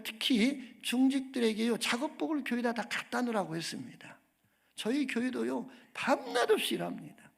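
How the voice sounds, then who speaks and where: A man preaching a sermon as a guest pastor in a church, emphatic, calling for amens and putting questions to the congregation. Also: very high-pitched. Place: church sanctuary.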